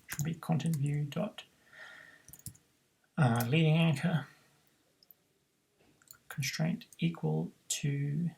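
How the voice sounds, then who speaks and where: A man's voice: on the high side, level tone, takes it slowly, creaky, pauses often, darkish tone, rough recording. A man teaching a coding tutorial, thinking aloud with frequent ums and self-corrections. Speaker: programming tutor. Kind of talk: screen-recorded coding tutorial.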